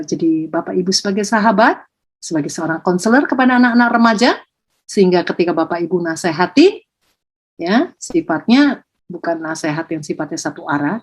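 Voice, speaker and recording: Husky woman giving a parenting talk. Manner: lively, swings into high acted quotes of parents.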